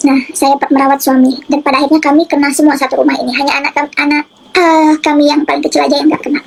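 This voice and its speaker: High-voiced woman giving an earnest testimony. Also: level tone, vocal fry, poor audio. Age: adult. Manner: earnest, halting with fillers and restarts. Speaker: testimony giver. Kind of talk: personal faith testimony.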